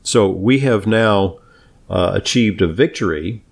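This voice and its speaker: Male podcast host, slightly hoarse, low pitch, casual and halting delivery. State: slightly hoarse after screaming at a game. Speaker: podcast and radio host, doctor. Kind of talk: casual talk show chat.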